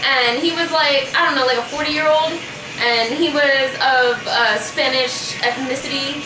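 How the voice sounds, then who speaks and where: A woman with a high-pitched voice talks bluntly and jokingly in slangy, casual chat. She sounds some way from the microphone in an echoey room, with music clearly playing behind her. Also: fairly even intonation, a little slow. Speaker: co-host of a group video. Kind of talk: casual chat and storytelling among friends. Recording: roomy echo, distant mic, music behind.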